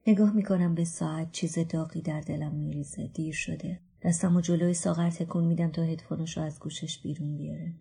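A woman reads a novel aloud in the first person, quiet and inward. Her voice sits low with a gravelly, husky grain. She often softens almost to a whisper. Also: steady tone, hardly any pauses. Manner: quiet, introspective, drops to whispers. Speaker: book reader. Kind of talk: first-person literary narration.

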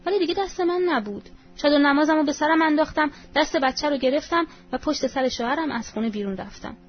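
Woman, fairly high voice, reads a short story in an intimate, confessional tone; muffled radio audio, soft music underneath. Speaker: story reader. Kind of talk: reading a short story aloud in first person. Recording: dull lo-fi radio recording, faint music.

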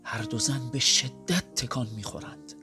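A man narrating the stage directions of an audio drama in a calm, measured way. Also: mid-range voice, music in the background.

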